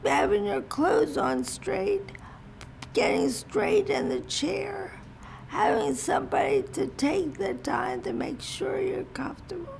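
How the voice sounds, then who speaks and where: A woman with MS speaking slowly and earnestly in an interview, recorded in an indoor office. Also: very high voice, lively intonation, gravelly, darkish tone, whispered, low-quality recording. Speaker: person with MS. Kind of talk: interview answers.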